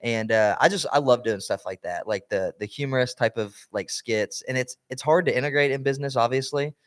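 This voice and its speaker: A man's voice: medium pitch, brisk. A young man co-hosting a podcast in casual chat, rambling with lots of fillers and restarts. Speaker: podcast co-host.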